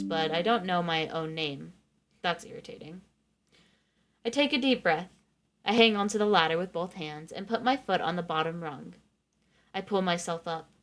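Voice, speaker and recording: A woman reading a novel aloud in first person, expressively acting out the narrator's thoughts. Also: on the low side.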